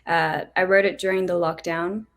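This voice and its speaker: A woman's voice: on the low side, little pitch movement. A young adult woman, a singer, chatting as an interview guest in a bubbly, giggly way. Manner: bubbly, giggly, quick to cheer. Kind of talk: casual interview.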